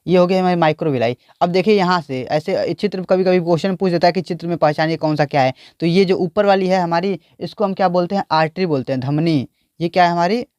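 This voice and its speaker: A man's voice: sits high, quick pace, a little mellow, clear, resonant tone, no room sound. A man teaching biology, explaining a diagram and repeatedly asking the class questions.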